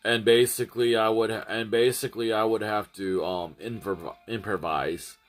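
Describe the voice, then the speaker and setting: A man's voice: fairly low pitch, steady tone, moderate pace, soft background music. A man chatting casually to his livestream audience, rambling and often restarting and repeating his phrases. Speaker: streamer.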